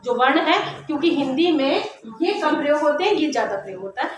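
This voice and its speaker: A woman teacher giving a classroom grammar lesson, explaining step by step and slowly sounding out letters to demonstrate. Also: sits high, animated. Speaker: Hindi teacher. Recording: very echoey classroom with faint noise.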